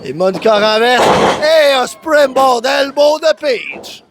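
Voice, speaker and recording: A man with a Quebec French accent calls wrestling live as an excited, exclamatory commentator who often raises his voice. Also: very high voice, slow. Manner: exclamatory, often raising voice to a shout. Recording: noisy live event commentary.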